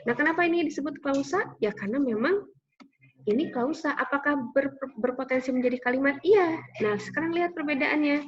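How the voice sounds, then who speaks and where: A woman's voice: sits high, fairly quick. Woman lecturing patiently, lo-fi. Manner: patient explaining with frequent "gitu ya" tags. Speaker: university lecturer. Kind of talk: recorded online lecture. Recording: slightly dull lo-fi audio with faint noise.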